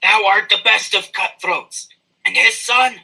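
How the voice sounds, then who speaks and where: A man's voice: sits high, steady tone, a little slow, creaky, bright, forceful tone, breathy edge, full character voice, poor audio. A man playing an overwrought, commanding Macbeth in an amateur comic stage Shakespeare, declaiming in an overacted way. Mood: uneasy. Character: overwrought, guilt-ridden, commanding Macbeth in school play.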